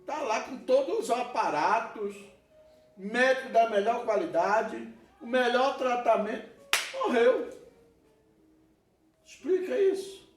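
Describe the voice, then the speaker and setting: Brazilian pastor guy, high lively voice, preaching away, echoey church heard from a distance. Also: takes it slowly, pauses often. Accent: Brazilian Portuguese. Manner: animated preaching with laughter and asides. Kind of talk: sermon. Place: church hall.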